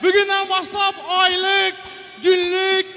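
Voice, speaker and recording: A male wedding announcer with a booming, festive delivery. His voice is very high and forceful, projected through a reverberant hall with music behind it. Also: monotone, slow, some chatter behind. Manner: projected, celebratory announcing to guests. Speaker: wedding master of ceremonies.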